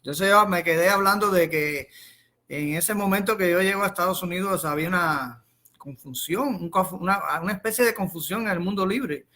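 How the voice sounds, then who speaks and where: A Cuban political commentator with a high-set, sharp, bright voice speaks informally on a live stream. He explains his points haltingly, doubling back on words and phrases and posing rhetorical questions to the listener.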